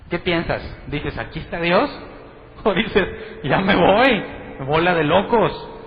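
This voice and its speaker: A man's voice: fairly high pitch, in a large hall, highs cut off, slight background noise. A man preaching a sermon to a congregation in a conversational way, asking them questions and acting out what others say. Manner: conversational, asks the congregation questions, acts out quotes. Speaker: pastor.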